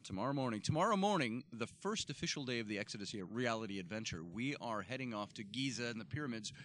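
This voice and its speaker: A man's voice: mid-range voice, lively intonation, quick pace, a bit bright, slight background noise. A man hosting a casual travel podcast, telling stories in a playful, mock-formal way from a hotel room. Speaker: tour host.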